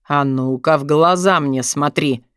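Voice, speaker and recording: Woman doing brooding young man, husky low murmur, pressing, audiobook, dry sound. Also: measured pace, fairly bright tone, no room sound. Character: gruff possessive young man, brooding lover. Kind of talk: audiobook narration.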